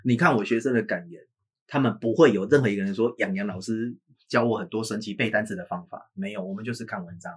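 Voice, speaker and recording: A man's voice: on the low side, quick pace, slightly rough. A man hosting a casual chat as an English teacher, chatty and laughing often, speaking straight to parents. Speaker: podcast host and English teacher.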